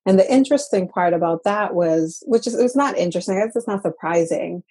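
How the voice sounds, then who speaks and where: A woman's voice: medium pitch, quick pace, mellow, husky. A woman from the Dominican Republic sharing her story as a guest in an interview, earnest and reflective, often repeating and restarting her words. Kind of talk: personal interview.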